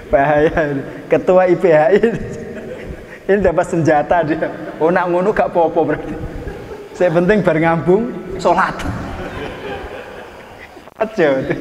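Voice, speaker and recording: High-voiced preacher, echoey hall. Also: male voice, a little hiss or hum. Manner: folksy storytelling, teasing the audience. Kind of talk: sermon.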